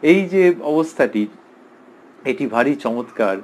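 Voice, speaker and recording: A man with a Bengali accent giving a slow, explanatory spiritual discourse, reading passages aloud and commenting on them. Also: medium pitch, animated, darkish tone, slight background noise, rough recording. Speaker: lecturer on scripture.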